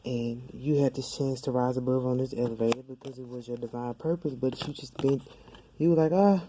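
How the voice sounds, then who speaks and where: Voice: mid-range voice, fairly even intonation, fairly quick, dark tone, slight background noise, rough recording. A tarot reader speaking straight to the camera in a loose, colloquial, rambling way, full of fillers, who acts out quoted voices. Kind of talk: casual tarot reading to camera. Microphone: camera mic.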